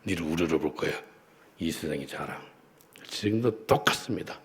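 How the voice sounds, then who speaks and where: A middle-aged Korean man preaching with a gravelly, fry-edged voice that sits fairly low. He tells stories emphatically and drops in Korean-accented English lines. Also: lively intonation, normal speed, fairly bright tone. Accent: Korean, with Korean-accented English phrases. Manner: emphatic preaching, leads the congregation in repeated prayers; storytelling, acts out a street encounter with quoted English. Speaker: pastor. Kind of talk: sermon.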